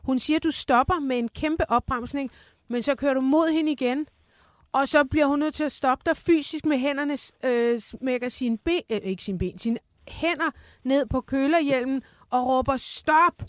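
A woman's voice: high voice, no echo, studio quality. A woman hosting a radio show, asking probing questions in a careful, hesitant way with many fillers. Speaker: radio host. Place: radio studio.

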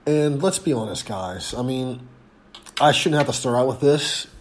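Congested raspy guy rambling on his podcast, lots of ums. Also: medium pitch, expressive, a little hiss or hum. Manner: rambling, halting with fillers. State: congested, hoarse. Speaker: podcast host. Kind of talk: casual podcast rant.

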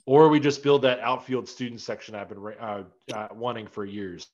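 A man's voice: medium pitch, moderate pace, darkish tone. Laid-back guy, dull lo-fi audio. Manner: laid-back, filler-heavy rambling. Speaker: podcast host. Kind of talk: casual sports chat.

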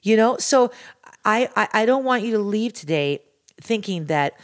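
A woman's voice: mid-range voice, lively intonation, normal speed. A woman speaking as a podcast guest, earnest and candid, talking in long rambling runs with restarts. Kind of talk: casual podcast chat.

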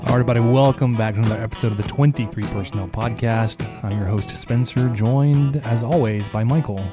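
A man from Texas with a gentle giant voice, hosting a sports podcast in a loose, informal, conversational way. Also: mid-range voice, brisk, over music. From Texas, United States. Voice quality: gentle giant voice, soft and big. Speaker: podcast host. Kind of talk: casual sports podcast chat.

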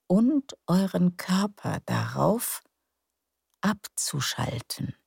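A woman narrating sleep stories for adults in a hushed, calm, soothing, breathy and creaky voice, often close to a whisper. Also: sits low, dry recording. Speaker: sleep story narrator and podcast host. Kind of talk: soothing scripted bedtime story narration.

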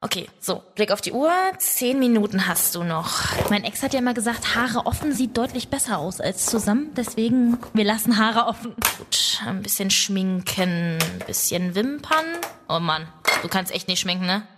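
A woman's voice: medium pitch, moderate pace, noisy background. A young woman telling a comic story about her first date, chattering nervously to herself in a self-mocking way. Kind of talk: comedic first-person story with inner monologue.

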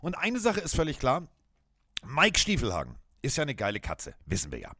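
A man with a German accent co-hosting a chat podcast, telling lively anecdotes and mimicking the voices of people in them. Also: mid-range voice, a little fast, no echo, studio quality. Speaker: podcast co-host. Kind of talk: casual chat, animated storytelling.

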